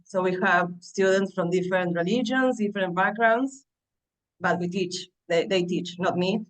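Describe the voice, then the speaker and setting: A woman's voice: mid-range voice, moderate pace, rough recording. A woman from Argentina, an English teacher, introducing herself casually over a video call. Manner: casual, loose phrasing.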